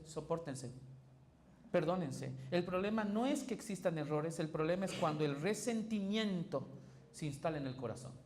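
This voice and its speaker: Male pastor, emphatic sermon delivery, warm mellow tone, roomy church sound. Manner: emphatic preaching with big pitch swings and quoted dialogue. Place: church sanctuary. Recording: echoey church hall with faint noise.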